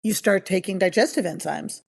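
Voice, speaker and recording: A woman's voice: medium pitch, normal speed, creaky. A middle-aged woman from the Bahamas, a nutrition coach talking as a podcast guest in an enthusiastic, chatty, storytelling way. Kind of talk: casual podcast interview.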